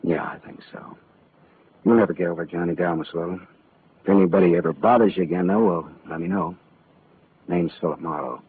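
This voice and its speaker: A man's voice: low voice, fairly even intonation, fairly quick, pauses often, slight background noise, close to an everyday voice. An American man acting a wry, world-weary but decent private detective in a 1940s radio drama, with a clipped, tough delivery. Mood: gentle, sympathetic. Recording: tinny 1940s radio broadcast, music.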